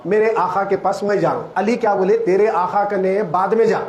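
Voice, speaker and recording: A man preaching a sermon, moving from low storytelling to loud shouted preaching. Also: fairly even intonation, highs cut off. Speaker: Islamic preacher. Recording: echoey hall, crowd.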